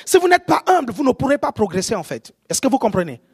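A preacher with an African French accent gives a sermon, often shouting and checking whether the audience is following. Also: medium pitch, quick pace, slightly rough. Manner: animated, often shouting, keeps asking the audience if they follow.

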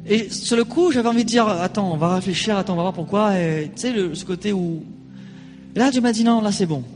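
Brief: high-pitched male pastor, animated storyteller, church reverb, faint music behind. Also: fairly quick. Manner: animated storytelling, acting out quoted voices. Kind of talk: sermon with personal anecdote.

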